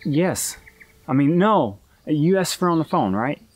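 A man's voice: fairly high pitch, sing-song, a little slow, soft background music. An actor playing a skeptical man questioning a ghost in a film drama, speaking in an incredulous, questioning way.

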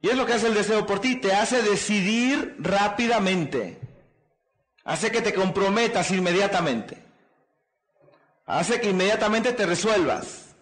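A man's voice: sits high, expressive, unhurried, a bit bright. A man speaking as a motivational speaker at a seminar, preaching in repeated rousing phrases and prompting the audience with questions. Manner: preachy call-and-response, asks the crowd "¿qué?" and "¿verdad?"; repetitive rousing delivery.

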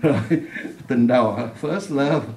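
A woman's voice: sits low, a little slow, noisy background. A woman teaching an English lesson in a classroom, patiently repeating words for her students to drill. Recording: echoey room.

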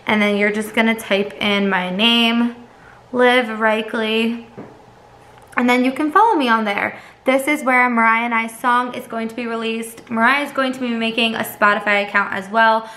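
A woman's voice: a little high, steady tone, normal speed, bright, forceful tone. A woman in her twenties, a student teacher, talking casually to her camera at home in an upbeat, chatty way, often saying "like". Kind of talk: casual vlog talk to camera.

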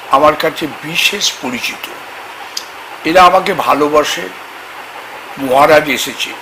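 A man with a fairly high, bright voice talks very slowly in short halting phrases. Now and then he breaks into loud emphatic bursts. A faint hum of ambient noise sits behind him. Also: low-quality recording. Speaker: tantric astrologer. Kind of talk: spoken religious talk to camera. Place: temple grounds, outdoors.

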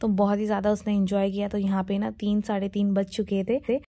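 A woman's voice: medium pitch, flat delivery, brisk, dark tone. A young woman from India, a homemaker mother, chatting casually to viewers in a voice-over about her daily routine. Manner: chatty, homely, talks straight to viewers. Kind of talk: casual voice-over vlog narration.

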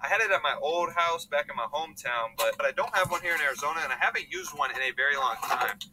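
Bright rambling young vlogger guy. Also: a little high, expressive, fast, slight background noise, low-quality recording. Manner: rambling, joking, says "bro" a lot. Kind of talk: casual vlog talk to camera.

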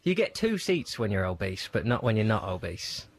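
A man co-hosting a radio show, complaining in a deadpan, grumpy way. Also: fairly low pitch, moderate pace, breathy edge, no room sound. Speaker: radio co-host. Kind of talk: casual radio banter.

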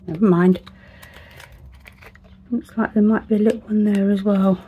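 A resin crafter works at home and thinks aloud, offering casual, chatty, self-deprecating asides that sometimes sink to a whisper. Her medium-pitched voice is husky, with fairly even intonation and a moderate pace, recorded with phone-quality sound.

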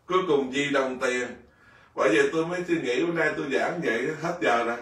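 A man who is a Buddhist monk, telling a story in a lively dharma talk, laughing often and acting out the figures. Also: medium pitch, fast talker. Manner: lively, laughing, acts out a king and a soldier. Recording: echoey room, voice from a distance.

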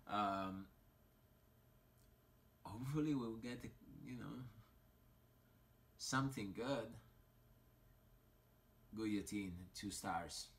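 A man with an Italian accent talks at an unhurried, drawn-out pace, his voice sitting fairly low. He sounds a little tipsy, sighing and trailing off with lots of fillers as he comments on a mobile game. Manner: slow, sighing, rambling with many fillers. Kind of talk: casual commentary while opening game crystals.

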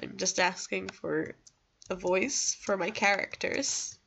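Recording on her home computer mic, a young gaming video creator rambles casually over gameplay in a self-deprecating, reassuring way. She speaks slowly in a mid-range, fairly bright voice with vocal fry and a breathy edge.

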